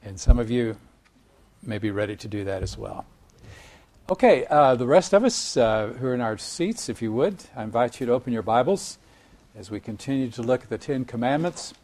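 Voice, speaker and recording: Man preaching a measured sermon. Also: medium pitch, expressive, a little mellow. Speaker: pastor.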